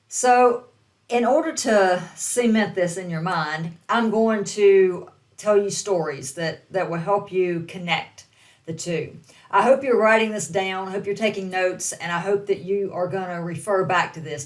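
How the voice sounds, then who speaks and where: A woman with a Southern American accent, giving an earnest, direct motivational training for online business beginners. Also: medium pitch. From Southern United States. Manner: earnest, repetitive, direct coaching. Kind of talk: motivational training talk to camera.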